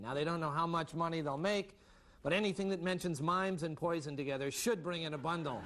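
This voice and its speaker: Man anchoring a mock newscast. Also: a little high. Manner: deadpan joke delivery. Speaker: comedy news anchor. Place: TV studio with live audience. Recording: broadcast with loud audience and noise.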